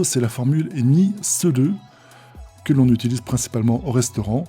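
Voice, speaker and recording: Here a language teacher with a warm, medium-pitched voice reads Japanese phrases from manga aloud. He then breaks each one down patiently and methodically.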